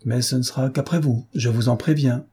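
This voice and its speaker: A man's voice: medium pitch, brisk, dark tone, husky. A man reading aloud voices a drunken, swaggering duke who leers at a young woman. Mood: leering. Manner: slurring, swaggering. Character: drunken bold male duke, leering.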